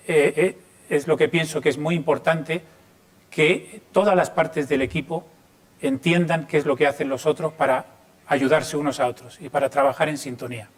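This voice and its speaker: A man in his fifties, from Chile, giving an informal talk to students, pausing often with fillers and restarts. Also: fairly high pitch. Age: 50s. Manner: hesitant, many fillers and restarts. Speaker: lighting designer giving a talk.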